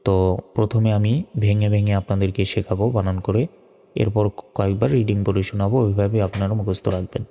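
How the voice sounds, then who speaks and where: A man with a Bangladeshi Bengali accent teaching Quran reading, patiently spelling out syllables and then reciting the verses in a drawn-out way. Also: lowish voice, fairly even intonation, dark tone, in a large hall. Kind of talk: slow spelled-out recitation lesson.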